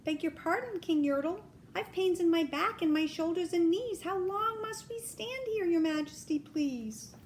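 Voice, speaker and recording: A small, suffering turtle from a children's storybook , played by a woman reader. The high voice rises and falls as it pleads, meek, polite and plaintive. Faint noise sits in the recording. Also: lively intonation, normal speed, hardly any pauses, a little mellow. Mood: pleading. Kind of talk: children's storybook read-aloud.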